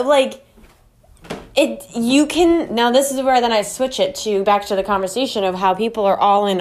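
A young woman hosting her own podcast, chatting loosely, laughing at herself and swearing freely. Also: medium pitch. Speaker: podcast host. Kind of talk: casual solo podcast talk.

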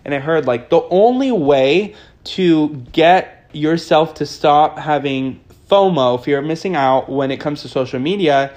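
A man's voice: fairly high pitch, measured pace, hardly any pauses, darkish tone. A young man co-hosting a podcast in casual chat, rambling with restarts and quoted asides. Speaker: podcast co-host.

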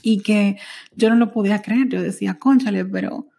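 A thirty-something American woman shares her life story on a podcast she records at home in a small apartment using a studio microphone. Her mellow, warm voice sits at a middle pitch, steady in tone, creaky and slightly rough. Her delivery is intimate and reflective, dotted with soft "eh" pauses.

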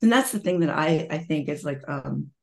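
A woman's voice: low-pitched, normal speed, gravelly. Woman telling a raw personal story. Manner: emotional, confessional, animated quotes. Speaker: guest sharing her story.

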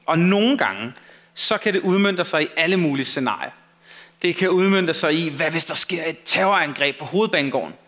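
A man's voice: a little high, lively intonation, sharp tone. Candid, self-mocking male preacher. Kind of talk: sermon with Bible reading.

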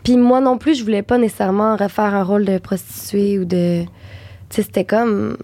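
Young Québécois actress, dry close sound. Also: female voice, mid-range voice, steady tone, warm tone, dry recording. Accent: Québécois French. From Quebec. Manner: frank, quick agreeing interjections. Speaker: actress and voice actress, guest. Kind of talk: casual interview chat.

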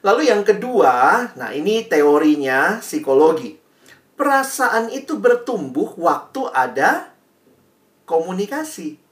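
Lively man speaking from far off. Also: high voice, takes it slowly. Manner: lively, slips English phrases into his talk. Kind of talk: speaking to a group. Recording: echoey, mic far away.

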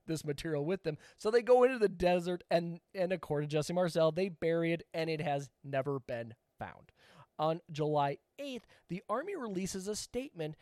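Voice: mid-range voice, darkish tone, no room sound, clean studio sound. A podcast co-host telling a story in casual chat, rambling and swearing with laughing asides.

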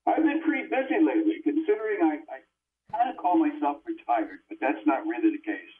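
An older man calling into a radio interview as an exorcist guest. He talks in an earnest, halting way, full of fillers and restarts, over a tinny, distant phone line that sounds like a headset mic. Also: on the high side, wildly swooping pitch, crowd noise.

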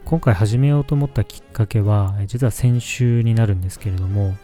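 A man's voice: on the low side, brisk, dark tone, soft background music. A man hosting his own solo podcast, speaking politely and with many hesitant fillers. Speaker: podcast host.

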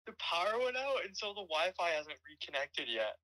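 Man heard through a speakerphone, very bright. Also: high voice, sing-song, moderate pace, dry recording, rough recording. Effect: heard over a speakerphone. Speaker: podcast co-host. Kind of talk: casual chat.

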